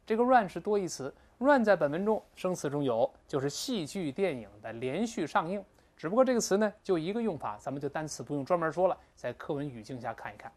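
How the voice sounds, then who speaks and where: In a recorded lecture, an English teacher explains a textbook text in a lively, explanatory way. Her voice sits slightly low but ranges freely up and down, and she slows right down to quote and spell out English phrases.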